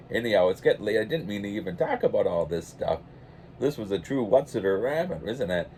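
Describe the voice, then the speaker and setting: An older man telling a meandering story in a quiet, low-key way, with lots of restarts. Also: very animated, fairly quick, creaky, slight background noise. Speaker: pipe-smoking channel host. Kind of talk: casual rambling anecdote.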